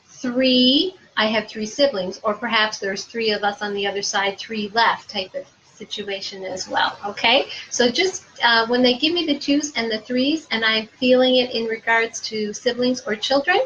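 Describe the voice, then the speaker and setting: A woman working as a psychic medium, giving spirit readings on a live stream in a soft, unhurried way with many filler ums. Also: on the high side, lo-fi sound, slight background noise. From Prince Edward Island, Canada.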